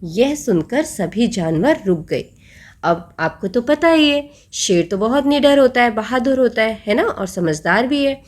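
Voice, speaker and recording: Slow, patient woman teacher. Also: on the high side, lively intonation. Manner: patient, asks children questions and answers them. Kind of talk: explaining a children's textbook story.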